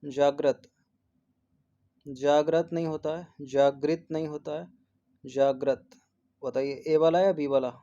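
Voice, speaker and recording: Mellow-voiced man explaining spellings. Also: on the high side, fairly even intonation, unhurried, pauses often, muffled recording. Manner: repeats each word several times, explaining spellings; mixes English numbers and terms into Hindi. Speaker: teacher. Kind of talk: exam test-series answer walkthrough.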